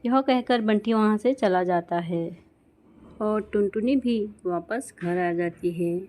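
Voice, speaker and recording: Woman telling a kids cartoon story, dark mellow voice, plain delivery. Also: mid-range voice, slow. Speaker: narrator. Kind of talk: scripted storytelling narration.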